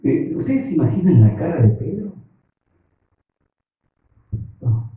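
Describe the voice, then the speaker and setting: A man's voice: a little high, sing-song, slow pace, phone-quality sound, slight background noise. A man preaching a sermon as pastor, emphatic and putting questions to the congregation. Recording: echoey hall from far off.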